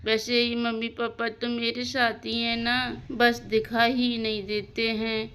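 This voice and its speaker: A woman voicing a gentle young woman doctor in a doll story, reassuring and soft-spoken. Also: fairly high pitch, completely flat delivery, a little slow, clean tone. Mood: tearful.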